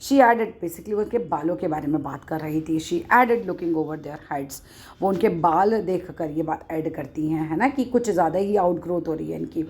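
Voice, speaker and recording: A woman teaching an English text online, reading English lines slowly and explaining them in Hindi while asking the class questions. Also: sits low, a little mellow.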